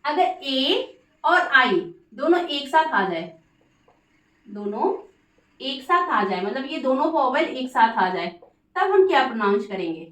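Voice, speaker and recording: A woman's voice: high voice, big pitch swings, unhurried, a bit bright, echoey room, far from the mic, low-quality recording. A woman teaching English pronunciation in a patient lesson, spelling words out letter by letter and checking in often. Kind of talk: Hindi-language English phonics lesson.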